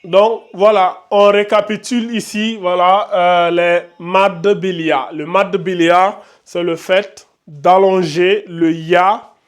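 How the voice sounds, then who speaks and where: Slow, high-voiced male Arabic teacher. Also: steady tone, smooth. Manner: slow, drawn-out demonstration of letter sounds. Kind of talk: Quran pronunciation lesson.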